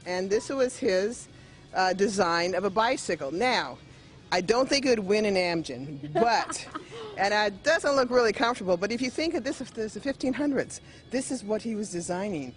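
Answering a television reporter in a large hall, the middle-aged woman guide from the museum explains things warmly at a measured pace. Her medium-pitched voice is expressive, captured by the reporter's handheld microphone.

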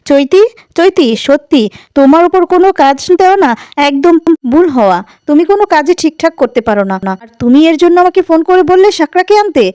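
Woman doing scheming older lady, showy, scornful, high voice. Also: animated, a little fast, mellow, no echo. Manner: theatrical, scornful.

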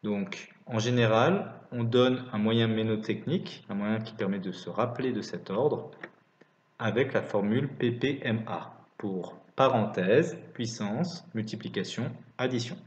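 Male maths teacher for lesson voice-over, lower-middle everyday pitch, dictates piece by piece, roomy and slightly dull recording. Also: a little slow. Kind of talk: scripted lesson narration.

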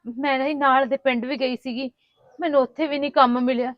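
A high, pleading voice of a poor young village woman, played by an actress, begging for work in a plaintive tone. The sound is dry and a little dull, as from a short village film. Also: fairly even intonation, a little fast, no room sound, lightly acted. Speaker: poor woman seeking housework.

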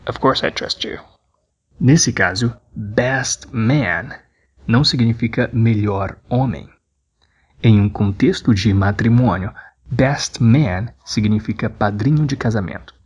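A man with a Brazilian Portuguese accent teaching English, slowly repeating phrases to drill their pronunciation. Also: medium pitch, breathy edge, dull audio. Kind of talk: scripted language lesson.

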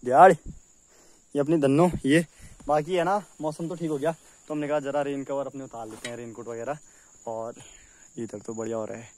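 A man's voice: mid-range voice, fairly even intonation, a little fast, pauses often, darkish tone. Young man vlogging on a bike ride. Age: young adult. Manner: chatty, talks straight to the camera. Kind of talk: casual travel vlog on a motorbike ride. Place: outdoors on a hilly road. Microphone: camera held at arm's length and helmet camera.

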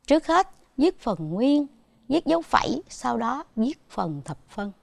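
Southern Vietnamese woman teacher, gravelly, dry. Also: high-pitched, big pitch swings, measured pace, darkish tone, dry recording. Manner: patient, addresses pupils directly with questions. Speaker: primary school teacher. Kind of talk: televised math lesson.

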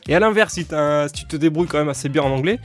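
Fast-talking slangy young Frenchman. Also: a little high, soft background music. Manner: chatty, slangy, swears casually. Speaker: YouTuber. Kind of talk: casual vlog monologue.

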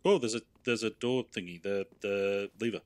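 A man's voice: fairly low pitch, moderate pace. A man co-hosting a let's play, joking and telling stories over gameplay. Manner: jokey storyteller, bursts into loud laughs. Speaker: co-host of a game let's play. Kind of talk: casual gameplay chat.

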